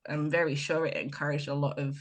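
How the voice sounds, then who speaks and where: A woman from Ireland co-hosting a relaxed podcast conversation. Her voice sits a little low. She tells stories in an animated way and acts out the people she quotes. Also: fast talker. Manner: animated storyteller, retells scenes with lively quoted voices. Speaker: podcast co-host. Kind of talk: casual chat.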